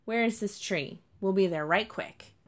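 A woman's voice: medium pitch, a little slow, lightly acted. A woman voicing a teasing, breezy male bird on patrol in a storybook reading.

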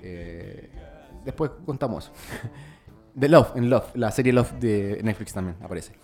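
A man's voice: fairly low pitch, lively intonation, unhurried, darkish tone, soft background music. A man with a Chilean Spanish accent, a podcast co-host chatting casually and rambling through recommendations. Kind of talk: casual chat.

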